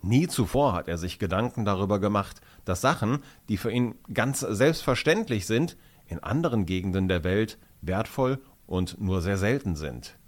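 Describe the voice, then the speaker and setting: Expressive man narrating a children's story. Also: fairly low pitch, moderate pace. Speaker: audiobook narrator.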